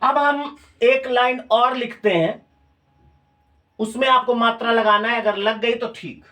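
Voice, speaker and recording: A man's voice: very high-pitched, steady tone, measured pace, bright, forceful tone. A male teacher with a Hindi accent of Uttar Pradesh, giving a classroom lecture. He repeats key phrases and keeps quizzing his students with questions.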